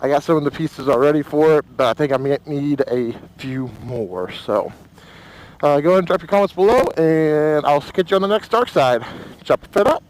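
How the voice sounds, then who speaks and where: A man's voice: a little high, expressive, normal speed, a little mellow, low-quality recording. A man vlogging casually as he rides, his voice raised inside a helmet. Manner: raised voice, talking from inside a helmet while riding. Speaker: motovlog host. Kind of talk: casual vlog talk while riding a motorcycle. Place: outdoors, riding a motorcycle.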